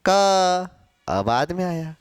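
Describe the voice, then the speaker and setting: A male Hindi teacher giving a grammar lesson to a class, asking questions and answering them himself, sounding out syllables slowly. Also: sits high, big pitch swings, smooth, no echo, clean studio sound. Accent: Hindi, from central India.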